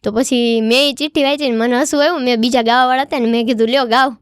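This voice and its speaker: A young woman folk singer tells stories in a relaxed podcast chat, lively and repeating herself for emphasis. Her voice sits a little high and sounds clear and smooth. The studio mic gives a close, dry sound. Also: racing, no room sound. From Gujarat. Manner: chatty, animated, repeats phrases for emphasis. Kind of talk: casual storytelling interview.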